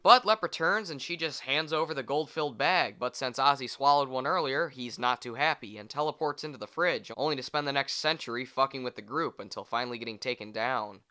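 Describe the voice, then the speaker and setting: A man's voice: medium pitch, brisk, few pauses, bright, forceful tone. A man narrating a scripted comedic film review in a blunt, sarcastic, profane manner.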